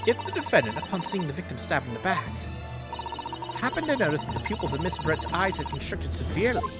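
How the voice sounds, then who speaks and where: Player reading as a defense lawyer, video game courtroom, articulate, insistent, medium pitch, music behind. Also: sing-song, fast, lightly acted. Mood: assured. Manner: formal, insistent, explanatory. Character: assured, articulate defense counsel arguing a case. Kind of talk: video game dialogue read aloud in character.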